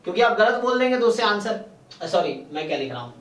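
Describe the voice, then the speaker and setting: Man, statistics teacher, slow deliberate explanations, Indian English terms in Hindi, roomy room, distant mic. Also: sits high, very animated, a bit bright. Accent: Indian English terms mixed into Hindi. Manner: slow, deliberate explanation with frequent checking questions. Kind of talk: live online exam-prep lecture.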